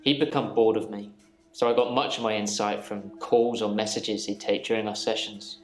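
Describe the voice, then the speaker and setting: A man's voice: lowish voice, steady tone, moderate pace, natural voice. A man playing a haunted, subdued patient. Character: troubled male patient haunted by repeating days. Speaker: interviewed patient in a mystery game. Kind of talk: scripted game dialogue. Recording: roomy with game music.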